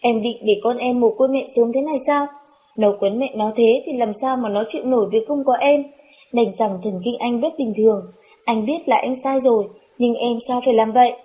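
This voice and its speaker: A woman's voice: fairly high pitch, a little fast, mellow, close to an everyday voice. A woman voicing a distraught young husband who cries out and pleads with his wife. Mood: anguished. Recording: dull lo-fi recording.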